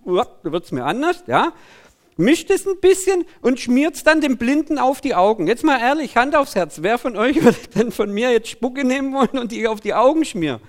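A man preaching a sermon in an animated, conversational way, often breaking in with 'hey'. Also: very high-pitched, normal speed.

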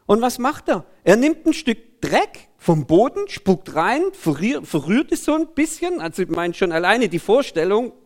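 A male preacher giving a chatty, animated sermon. His voice is high and swings widely, and he keeps throwing in 'hey' and asking the crowd questions. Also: normal speed, few pauses. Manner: animated, conversational, frequent 'hey' interjections.

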